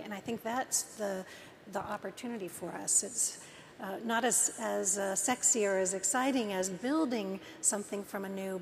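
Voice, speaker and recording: Gravelly-voiced woman panelist. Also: medium pitch. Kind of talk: panel discussion. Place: large auditorium stage. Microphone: lapel. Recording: hall reverb, faint room noise.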